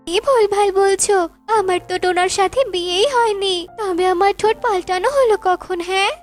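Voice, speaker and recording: A woman voicing a scheming young female bird who protests loudly and stammers in a cartoon. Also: very high voice, steady tone, fairly quick, faint music behind. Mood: flustered. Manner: flustered, loud protests.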